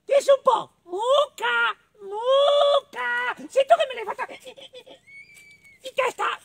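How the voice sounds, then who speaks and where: A man reading a children's story and voicing a small, fussy, indignant female mole in a squeaky, exclaiming voice. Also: slow pace, vocal fry, exaggerated voice. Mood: accusing.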